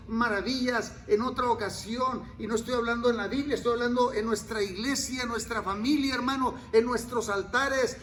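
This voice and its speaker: High-pitched pastor preaching with fervor. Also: male voice, a little hiss or hum. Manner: swings from quiet murmurs to loud cries. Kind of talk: sermon.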